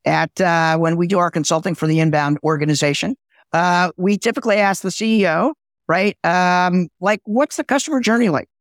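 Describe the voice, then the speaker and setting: High-voiced animated man telling stories. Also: moderate pace, smooth, no echo, clean studio sound. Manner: animated storyteller, lively and talkative. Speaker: podcast guest, sales executive. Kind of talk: casual interview chat with storytelling.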